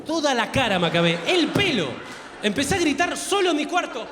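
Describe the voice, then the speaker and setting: Young argentine guy doing stand-up, high and bouncy voice, echoey theater hall. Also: very animated, fairly quick, very noisy. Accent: Argentine Spanish. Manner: crude, crowd-work, acts out voices. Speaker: stand-up comedian. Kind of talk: stand-up comedy. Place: theater stage.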